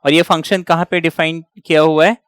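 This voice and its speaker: A man's voice: fairly high pitch, little pitch movement, clean tone, no room sound. A man teaching a maths lesson step by step, asking questions and then answering them himself. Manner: slow, step-by-step, asks and answers his own questions. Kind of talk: explaining a lesson, mixing Hindi and English.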